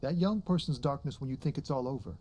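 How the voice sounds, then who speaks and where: An actor playing a weary, tender truck driver in a video game, speaking in a reflective, sincere and halting way. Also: male voice, medium pitch, a little mellow, a little hiss or hum, natural voice. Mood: protective, sad. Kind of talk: dramatic video game dialogue.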